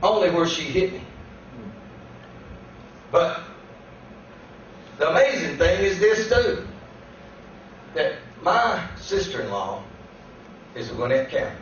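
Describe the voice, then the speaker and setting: A man's high, animated preaching voice rolls around a very echoey church, heard from a distance through a dull recording. He tells a testimony like a story and keeps climbing into shouted proclamation. A faint hiss sits underneath. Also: slow, pauses often. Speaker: guest pastor. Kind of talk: sermon with personal testimony. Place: church sanctuary.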